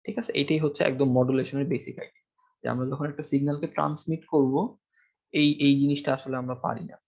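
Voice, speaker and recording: A man lectures a university class over a classroom mic and amplifier, breaking things down step by step, questioning students, and leaning on fillers. He talks fast in a mid-range, fairly even, darkish voice, and the audio is lo-fi.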